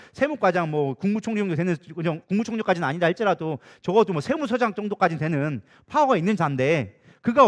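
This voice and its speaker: A man pastor preaching a sermon in a lively, conversational way, acting out the voices of the people in his story. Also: high-pitched. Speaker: co-senior pastor.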